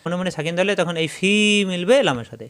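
A man teaching Quran recitation, spelling out syllables slowly and then chanting the verses drawn out. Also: sits high, expressive, clean tone.

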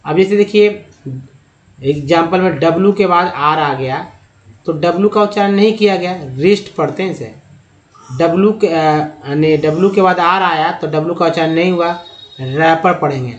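Man, language English lesson, repetitive patient explaining, fairly high voice, echoey room. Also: normal speed, dull audio. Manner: repetitive, explanatory, addresses viewers as friends. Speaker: English teacher.

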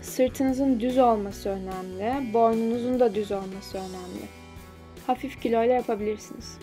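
Young woman, fitness vlogger, higher-pitched voice, chatty and instructive, soft music underneath. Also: moderate pace. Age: young adult. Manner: chatty, instructive, slightly self-deprecating. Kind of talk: casual explanatory voice-over.

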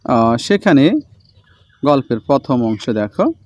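A man teaching a school language lesson, reading aloud slowly and repeating each word for his students. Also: medium pitch, big pitch swings, darkish tone. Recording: dull lo-fi sound.

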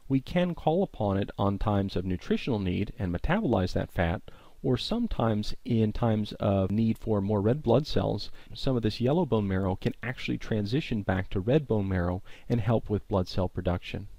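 A man giving a recorded college lecture, explaining terms clearly and often recapping earlier points. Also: lowish voice, mellow, no room sound.

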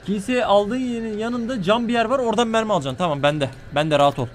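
High-voiced frantic swearing man gaming. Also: fast talker, a little hiss or hum. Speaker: gaming streamer. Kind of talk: let's play commentary. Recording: game music loud behind voice.

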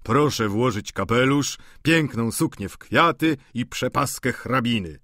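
A man's voice: medium pitch, animated, measured pace, a bit bright, no room sound, clean studio sound. A man voicing a boisterous middle-aged lodger who talks in a hearty, teasing, playful way.

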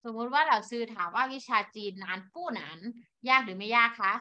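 Young female teacher on a video call, bright and crisp, patient, spells everything out slowly, dull lo-fi audio. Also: on the high side, expressive. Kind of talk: online classroom lesson.

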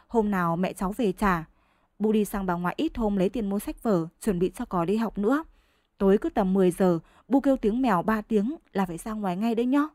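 A woman voicing a fed-up, sharp-tongued peasant wife who scolds and curses her husband in a storybook reading, in a dry, close sound. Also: no echo, natural voice. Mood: soothing. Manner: shrill scolding, cursing loudly.

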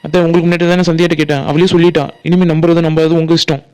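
A persuasive young villager from a family cartoon, voiced by a man, who talks very fast in a high, smooth voice. He pleads with the family and reassures them. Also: level tone, a little mellow, close to an everyday voice. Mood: pleading. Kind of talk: Tamil cartoon voice acting.

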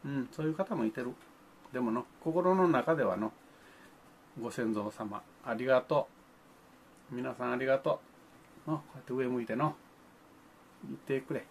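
Older man, vlogger addressing kids. Grandfatherly, old-fashioned phrasing, mid-pitched, faint hiss behind. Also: moderate pace, long pauses. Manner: grandfatherly, old-fashioned speech, playful sound effects. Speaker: vlogger talking to children. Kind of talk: folksy monologue to the camera.

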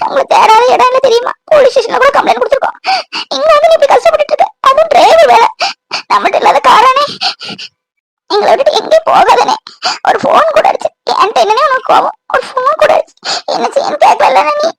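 A woman's voice: very fast, vocal fry, few pauses, background noise. A woman playing a young sister who cries and pleads with her long-lost brother in a family skit. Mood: tearful pleading. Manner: pleading, reproachful, high-pitched. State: crying.

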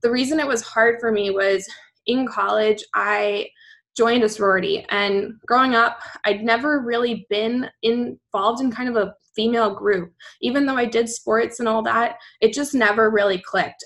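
A woman's voice: medium pitch, fairly bright tone, low-quality recording. A young woman from Virginia, upbeat and chatty, giving a coaching presentation on a team video call. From Virginia, USA. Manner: upbeat, chatty, laughs easily. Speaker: guest presenter, part-time fitness coach.

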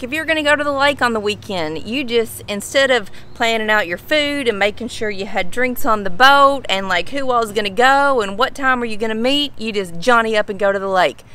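Bright-voiced woman with a Southern drawl. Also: a little high, a little hiss or hum. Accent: Southern US, Kentucky drawl. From Kentucky, United States. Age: middle-aged. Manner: animated, folksy, repeats phrases for emphasis. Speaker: vlogger explaining slang. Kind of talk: casual explanatory chat to camera. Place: outdoors on a home pool patio.

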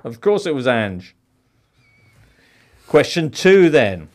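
A man's voice: mid-range voice, sing-song, slow pace, a little mellow. A man hosting a football quiz on a podcast, reading questions in a playful, theatrical way. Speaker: quiz host.

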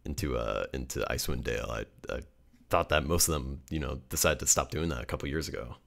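A man's voice: rumbling low, fast, vocal fry, fairly bright tone. A man narrating as game master of a tabletop game, rambling with many fillers and repeated words.

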